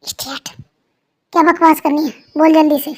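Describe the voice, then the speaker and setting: A woman's voice: high voice, steady tone, normal speed, natural voice. A jealous, short-tempered young wife, as a woman puts her on. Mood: exasperated. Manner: scolding and exasperated. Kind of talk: fan story role-play.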